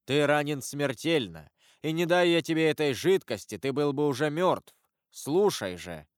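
A man voicing a stern, solemn avenger disguised as a priest, speaking gravely and in measured sermons. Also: on the high side, animated, dry recording, clean studio sound, natural voice. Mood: preaching.

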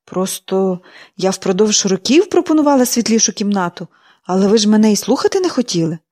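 Brief: flustered grown daughter, quick to agree, voiced by a female narrator. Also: medium pitch, very animated, mellow. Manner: hurried, placating.

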